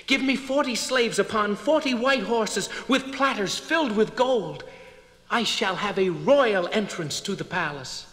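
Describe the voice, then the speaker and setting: A man playing an earnest young hero in a storybook recording, with slow, theatrical delivery. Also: high-pitched, expressive, sharp tone, long reverb tail, full character voice. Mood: commanding. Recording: music behind.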